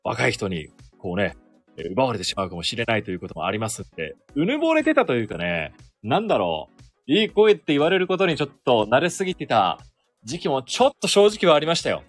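With a medium-pitched voice, big pitch swings and a quick pace, a sports announcer in his thirties talks casually and self-deprecatingly about his work on his solo, radio-style podcast. There's no echo, just soft background music.

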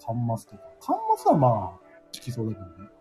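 Laid-back male co-host, mid pitch, swooping intonation, music bed behind. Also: quick pace. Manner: relaxed, easygoing, quietly joking. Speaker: podcast co-host. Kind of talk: casual chat. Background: background music.

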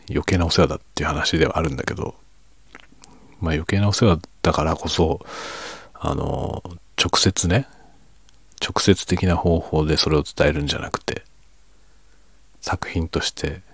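A man talking quietly and casually in a low late-night monologue, reflective and self-deprecating in a soft-spoken way. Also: creaky, husky, no room sound. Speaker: streamer and hobby novelist.

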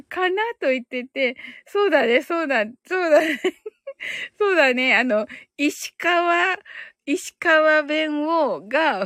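A woman's voice: high-pitched, a bit bright, no room sound, studio quality. A woman hosting a casual live audio stream, reading out listener comments and reacting with giggles and delight.

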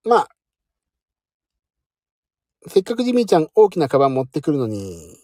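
Male streamer, lively self-mocking late-night chat, dark dry close sound. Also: a little high, moderate pace, no echo. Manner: chatty, self-mocking, warm sign-off to listeners. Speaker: live audio stream host.

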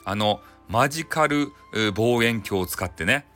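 A man's voice: on the low side, animated, unhurried, pushed and bright, faint music behind. A man with a Hakata accent telling a folktale for bedtime in a playful, chatty way. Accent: Hakata dialect. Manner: playful and chatty, with many dialect endings. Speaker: storyteller.

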